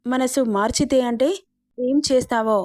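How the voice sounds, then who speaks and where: A woman voicing an arrogant, domineering young male boss in a romance story, with mocking, fast retorts. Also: on the high side, steady tone, darkish tone, no echo, studio quality, lightly acted.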